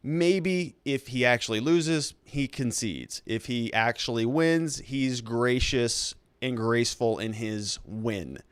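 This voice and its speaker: Male live-stream political commentator, crisp and dry-sounding, conversational with rambling asides. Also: mid-range voice, lively intonation, slow pace, few pauses, no room sound.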